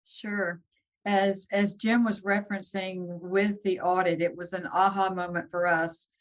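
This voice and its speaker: A woman with a somewhat low voice answers interview questions earnestly. She talks through her points with frequent ums and small restarts. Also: flat delivery, unhurried. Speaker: guest, nursing executive. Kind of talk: podcast interview.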